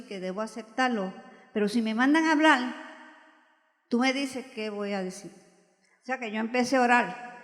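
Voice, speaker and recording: An older woman with a Puerto Rican accent, a retired music teacher, telling a religious testimony in an animated way and acting out the voices she quotes. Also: mid-range voice, big-room sound. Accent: Puerto Rican Spanish.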